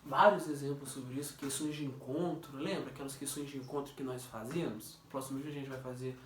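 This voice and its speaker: A male physics teacher giving a relaxed, joking review and quizzing a student. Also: mid-range voice, a little hiss or hum. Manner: jokey, questioning, drawn-out stressed words. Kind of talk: informal classroom review. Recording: echoey room, distant mic.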